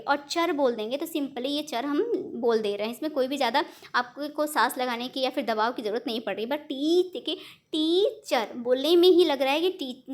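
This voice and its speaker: A woman teaching an online exam-prep lesson, explaining step by step in Hindi mixed with English terms and correcting herself as she goes. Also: sits high.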